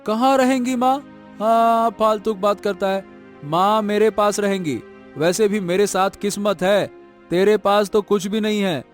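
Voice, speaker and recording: A man's voice: high-pitched, fairly even intonation, unhurried, faint music behind. A man playing a greedy, scornful elder son. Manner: brusque, dismissive, repeats "no, no". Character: greedy, stubborn elder son demanding his share. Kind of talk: animated story voice acting.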